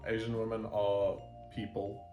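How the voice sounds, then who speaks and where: A man's voice: fairly low pitch, monotone, measured pace, warm tone, soft background music. A young adult man from South Africa with a South African accent, answering questions in a dry, matter-of-fact way. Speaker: co-host, husband. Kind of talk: casual Q&A chat. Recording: echoey room.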